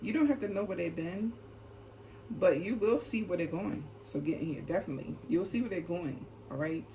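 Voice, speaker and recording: A warm-toned woman with a fairly low voice and a fairly quick pace gives a casual spiritual card reading without a script. She's a tarot reader and channel host who speaks with emphasis, repeats herself, and uses lots of brief check-in tags, all over a clearly noisy ambient backdrop.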